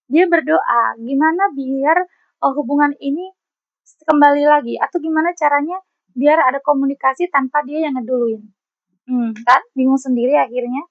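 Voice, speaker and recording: High-voiced chatty woman tarot reader. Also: vocal fry, dry recording. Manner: chatty, teasing, laughs often. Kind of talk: casual tarot reading to viewers. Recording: dry, slightly dull lo-fi recording.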